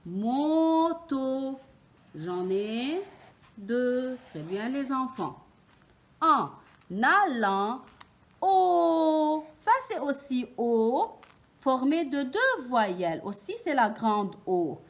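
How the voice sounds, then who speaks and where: Femme enseignante, très lente et articulée. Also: female voice, high voice, very animated, a little mellow. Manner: slow, clearly articulated, stressing each sound. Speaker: teacher. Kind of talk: early reading lesson for children.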